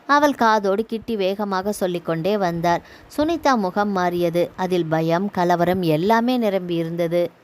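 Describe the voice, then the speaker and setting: A woman narrating an audio novel in a steady storytelling manner. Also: on the low side, unhurried.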